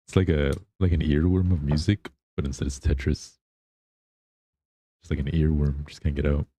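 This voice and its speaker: A man's voice: a bass voice, fairly even intonation, normal speed, pauses often, dark tone, no echo. A man chatting casually on a livestream as the streamer, in a laid-back, rambling way. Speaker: live streamer.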